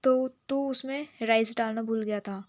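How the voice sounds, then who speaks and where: A woman's voice: a little high, fairly even intonation, moderate pace, no room sound, studio quality, natural voice. A woman voicing a shy young man who fusses and teases, in a recapped romance series.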